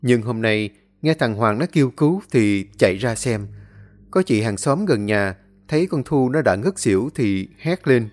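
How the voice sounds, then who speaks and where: A man's voice: mid-range voice, expressive, moderate pace, darkish tone, soft background music. A man narrating a dramatic story expressively, acting out the scenes.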